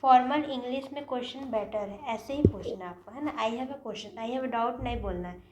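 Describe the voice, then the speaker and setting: A woman with an Indian accent teaching spoken English, going slowly and repeating each example sentence word by word. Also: a little high. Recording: echoey room with faint noise.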